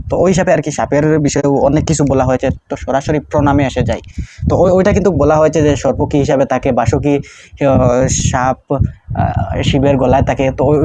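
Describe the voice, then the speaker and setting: A man giving a casual, rambling spoken tutorial, often repeating himself and slowing down to recite prayers line by line. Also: mid-range voice, noisy background. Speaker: occult teacher.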